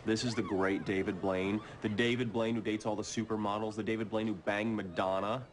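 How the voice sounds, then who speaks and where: An actor playing a vain, jealous magician in a TV comedy-drama, sarcastic and dismissive. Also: male voice, fairly low pitch, level tone, brisk, background noise, natural voice. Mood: scornful. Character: vain, scornful, jealous rival street magician. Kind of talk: naturalistic TV comedy-drama acting.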